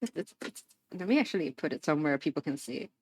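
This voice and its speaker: Assembling a craft on a livestream, a young adult woman chats and rambles through a story, laughing often and using lots of fillers. She talks fast in a low, husky voice with lively intonation, and the recording is dry.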